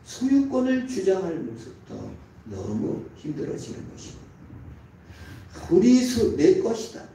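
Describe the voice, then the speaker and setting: A man's voice: wildly swooping pitch, a little slow, vocal fry. A male pastor giving an emphatic sermon in a church, voice rising and falling sharply for stress. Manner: emphatic preaching with sharp rises in pitch and volume. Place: church sanctuary. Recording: very echoey church from far off, faint noise.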